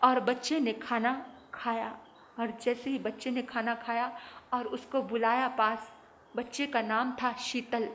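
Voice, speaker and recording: A woman's voice: on the high side, level tone, measured pace, fairly bright tone, a little hiss or hum. A woman preacher giving a sermon and telling a story, stressing and repeating her key phrases. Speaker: religious preacher.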